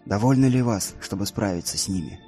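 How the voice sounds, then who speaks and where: A man reading an audiobook, voicing a frightened captive woman who speaks in a soft, anxious whisper. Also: lowish voice, a little fast, faint music behind, close to an everyday voice.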